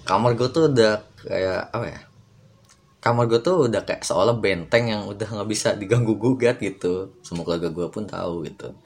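A man's voice: fairly low pitch, moderate pace. A young man telling a personal story in a casual, rambling podcast monologue full of fillers. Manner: rambling, many fillers, slangy. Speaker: podcast host.

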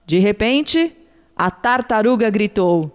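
Lady reading a kids' fable real slow, expressive, lots of hall echo. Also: mid-range voice, clear, resonant tone. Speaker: storyteller. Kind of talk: storybook narration. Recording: long hall reverb.

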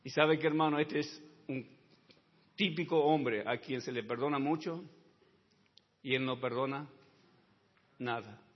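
A man preaching a sermon who keeps calling his listeners brother and adding amen, dropping to quiet asides and rising to loud shouts. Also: unhurried, pauses often, breathy edge. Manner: addresses listeners as brother, tags lines with amen; swings between low quiet asides and loud high shouting. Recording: dull sound with long reverb in a large hall.

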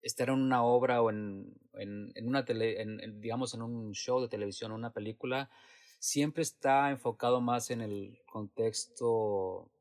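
A man's voice: mid-range voice, fairly even intonation, moderate pace, a little mellow. A man who works in theater answers interview questions in a reflective, hesitant way, with many restarts and fillers. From Latin America. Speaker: theater actor and producer.

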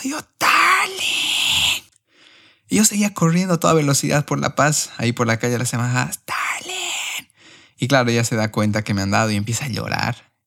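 A young man on a podcast, telling a personal story in an emotional, animated way. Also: mid-range voice. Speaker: podcast host.

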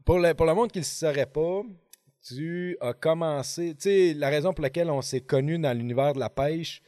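A playful man hosts a podcast in a casual, rambling way, stopping often to hunt for words. His voice sits at a middle pitch and sounds dry and close, with no room echo. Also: normal speed, mellow. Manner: rambling, hesitant, many fillers and restarts, playful. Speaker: podcast host. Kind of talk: casual chat. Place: podcast studio in an office.

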